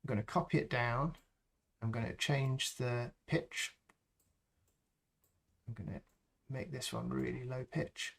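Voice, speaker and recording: Male host, mid-pitched, slow and gravelly, talks through an unscripted tutorial as he works. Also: fairly even intonation. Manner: slow, thinking aloud as he works, with frequent ums. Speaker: live stream host demonstrating sound design.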